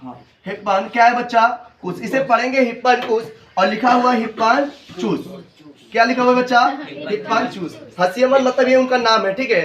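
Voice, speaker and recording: Captured from afar in a roomy, lo-fi classroom, this very high-pitched, slightly bright voice belongs to an Indian male coaching teacher with an Uttar Pradesh Hindi accent. Speaking briskly, he repeats questions and drills terms aloud with his students call-and-response style. Students can be heard in the background.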